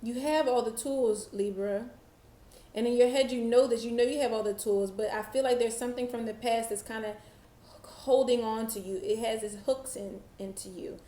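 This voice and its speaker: A woman giving a tarot reading, talking slowly and reflectively straight to the viewer. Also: a little high, fairly even intonation, dark tone, reverberant, a little hiss or hum. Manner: slow, reflective, channeling-style delivery. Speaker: tarot reader.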